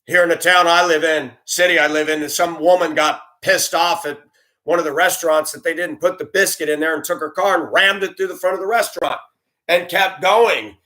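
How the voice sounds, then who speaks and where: A man's voice: on the high side, fairly even intonation, a little fast, bright, forceful tone. A man who used to drive a school bus, telling his own story in an earnest, heartfelt way while venting his frustrations. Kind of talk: candid personal storytelling.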